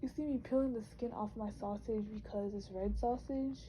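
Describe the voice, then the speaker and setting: A woman's voice: on the high side, steady tone, moderate pace, warm tone, a little hiss or hum, rough recording. A young woman narrating her vlog in a chatty, informal, casual voice-over. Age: young adult. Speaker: vlogger.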